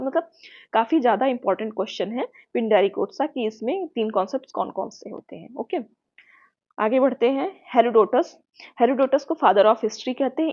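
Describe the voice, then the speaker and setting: Woman, Indian accent, teacher, exam-prep lecture, patient explaining, slightly high voice, dull lo-fi sound. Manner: explains patiently, often checks in with "theek hai". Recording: muffled lo-fi sound.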